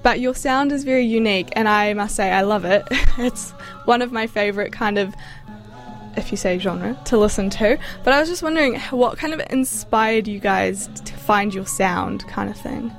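A woman's voice: medium pitch, moderate pace, soft background music. A woman hosting a student radio show, interviewing a guest in a friendly, enthusiastic way with some hesitant phrasing. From New Zealand. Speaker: radio host.

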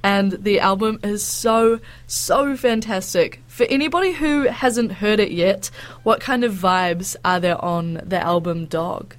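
A woman's voice: medium pitch, unhurried. A woman radio host from New Zealand who interviews a musician with eager, admiring enthusiasm. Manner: warm, enthusiastic praise.

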